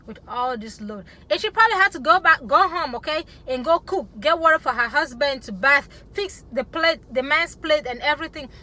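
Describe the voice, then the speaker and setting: A woman's voice: sits high, expressive, moderate pace, hardly any pauses, bright, forceful tone. A woman from Africa talking passionately to camera, emphatic and punctuating her points with "okay?". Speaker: vlogger. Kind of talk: opinionated talk to camera.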